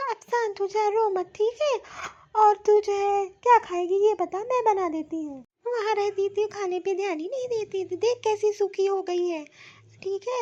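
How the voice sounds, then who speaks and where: A woman's voice: very high-pitched, dark tone. A woman voicing a kind, motherly middle-aged neighbour aunt in a cartoon, coaxing and fussing over a young widow. The recording is dull and lo-fi. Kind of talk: cartoon voice acting.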